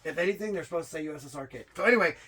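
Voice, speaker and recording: Racing through a casual wrestling rankings chat, a man jokes and rambles, repeatedly stammering and starting over. His voice is a little high, expressive, and sharp, and room noise can be clearly heard behind him.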